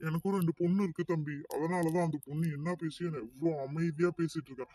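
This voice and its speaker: A man's voice: on the high side, steady tone, fast talker, mellow, distant mic, lightly acted. A man voicing a grumbling, lecturing bus driver. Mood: grudging. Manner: scolding and lecturing. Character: grumbling middle-aged male bus driver, suspicious. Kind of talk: cartoon voice acting.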